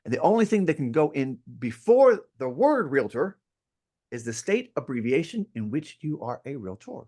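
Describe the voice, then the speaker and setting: A man who teaches real estate, talking in an interview with a lively, playful, emphatic manner from his home. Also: mid-range voice, normal speed. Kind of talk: interview conversation. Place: at home near an outdoor deck.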